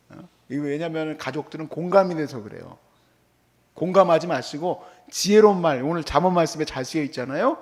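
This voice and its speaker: A middle-aged male pastor giving a conversational, animated sermon in a church, often acting out quoted remarks. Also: on the high side. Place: church hall.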